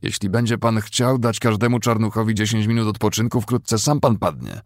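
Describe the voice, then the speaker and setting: A man voicing a big, exhausted young railway laborer who speaks slowly and bluntly, in an audiobook reading. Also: lowish voice, dry recording, clean studio sound, lightly acted. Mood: weary.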